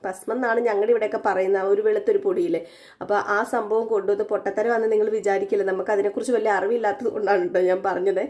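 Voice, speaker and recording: A woman's voice: mid-range voice, steady tone, racing, darkish tone. Chatty woman recapping a TV serial. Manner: chatty, self-deprecating, addresses viewers. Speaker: serial reviewer. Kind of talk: casual retelling of a TV serial episode.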